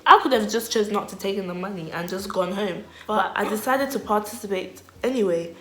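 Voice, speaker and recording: A young woman telling a storytime vlog in a chatty, animated way, full of 'like'. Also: medium pitch, fairly quick, a little hiss or hum. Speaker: vlogger. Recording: echoey room.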